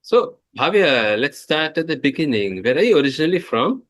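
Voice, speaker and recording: A man's voice: a little high, sing-song, moderate pace, fairly bright tone. Man, interview host, formal questions, short affirmations.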